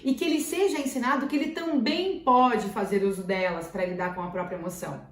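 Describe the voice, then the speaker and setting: A woman's voice: medium pitch, steady tone, brisk. A woman teacher with a Brazilian Portuguese accent talks earnestly to parents and repeats key phrases for emphasis. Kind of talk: talking to parents. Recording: roomy echo.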